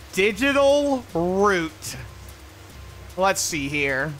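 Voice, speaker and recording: A man with a high, slightly bright voice streams a puzzle adventure game. He comments casually, reads on-screen text aloud, and mutters to himself.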